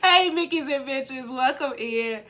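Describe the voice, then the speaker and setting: A woman's voice: sits high, moderate pace, sharp tone. A young woman chatting casually on a live stream as a cruise vlogger and travel agent, her voice nasal and congested from a cold. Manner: chatty, reads out viewer comments.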